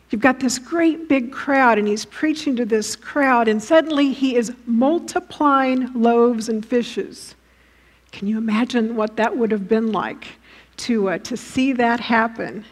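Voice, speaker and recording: A woman's voice: fairly high pitch, darkish tone. A woman preaching a sermon who has listeners picture the scenes she describes and often asks them direct questions. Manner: vivid, inviting listeners to imagine scenes.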